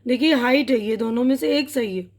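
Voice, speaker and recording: High-voiced woman teaching English vocabulary. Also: a little mellow. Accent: Pakistani Urdu. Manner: patient, repeats words slowly, checks in with "theek hai na".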